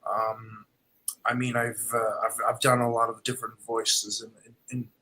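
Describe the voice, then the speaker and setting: Bright flat-voiced guy, voice actor, lots of uhs and stumbles. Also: mid-range voice, moderate pace, poor audio. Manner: hesitant, with many "uh" and "um" and repeated words. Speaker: voice actor and musician. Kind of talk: casual chat.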